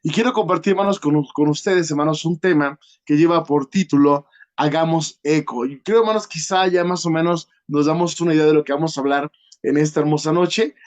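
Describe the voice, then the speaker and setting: A man preaching a sermon as a guest preacher. He is earnest, constantly addresses the congregation directly, and leans on pauses and filler sounds. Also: a little high. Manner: peppers nearly every phrase with a direct address to the congregation.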